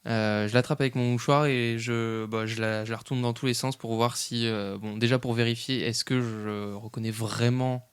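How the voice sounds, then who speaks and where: A man's voice: medium pitch, fairly even intonation, moderate pace, hardly any pauses, clear, resonant tone. A man playing a tabletop horror game, describing his character's actions with stammers and repeats. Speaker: player.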